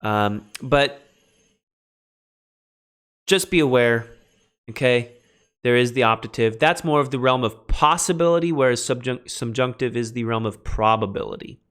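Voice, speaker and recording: A man lecturing on biblical Greek grammar in a recorded class. He talks in an animated, emphatic way and breaks off for quick asides to his students. His voice sits at an ordinary middle pitch for a man. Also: clear, resonant tone. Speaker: Greek instructor.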